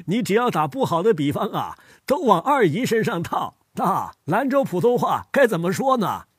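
A man's voice: high-pitched, normal speed, husky, no room sound, studio quality. An older man from Hubei playing a grandfather, explaining dialects in a scripted educational dialogue and chuckling as he goes. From Hubei, China. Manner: animated storytelling, chuckles often.

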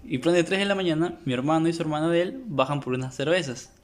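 Slightly high-voiced young man. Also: fast talker, soft background music. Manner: tells an anecdote, acting out quoted lines. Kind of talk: casual storytelling chat.

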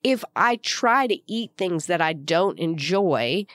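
A woman's voice: lowish voice, very animated, takes it slowly, fairly bright tone, no echo, clean studio sound. A woman with a slightly groggy voice hosting a solo podcast, explaining informally and coaching listeners with rhetorical questions. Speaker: podcast host.

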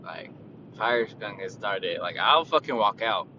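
A man's voice: animated, unhurried, pushed and bright. A man in casual storytelling mode ranting about his retail job in a profane, laid-back way. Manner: profane, laid-back, quotes people in a raised voice. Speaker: retail worker. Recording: dull lo-fi with vehicle rumble.

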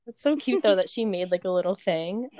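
A young woman with a Long Island accent hosts a playful quiz, talking in a chatty, giggly way with lots of filler. Her voice sits at a middling pitch and sounds close and dry. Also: expressive, a little slow, warm tone, dry recording. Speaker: host. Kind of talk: casual chat, quiz game.

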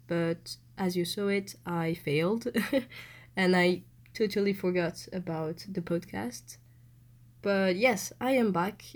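A woman's voice: medium pitch, darkish tone. Young woman with a cold. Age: young adult. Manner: chatty, addressing listeners directly. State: has a cold. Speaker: podcast host. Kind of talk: solo podcast monologue.

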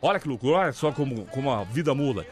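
A man hosting a radio comedy segment, spinning a made-up story in a playful, animated way. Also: mid-range voice, faint music behind. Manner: animated, playful, drawn-out exclamations. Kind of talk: improvised comic storytelling.

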